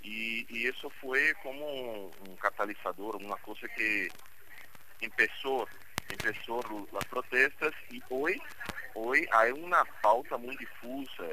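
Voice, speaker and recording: A man's voice: medium pitch, background noise. A man with a Brazilian accent, a native Portuguese speaker, giving commentary as a guest journalist in a second language and searching for his words. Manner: halting, searching for words in non-native Spanish. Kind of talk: live radio interview commentary.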